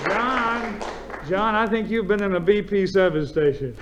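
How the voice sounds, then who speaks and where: A man's voice: high-pitched, a little slow, dull audio, a crowd in the background, background noise. A man hosting a radio quiz show, joking and bantering breezily with the contestants. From United States. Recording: old radio broadcast with music and audience. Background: studio audience and music.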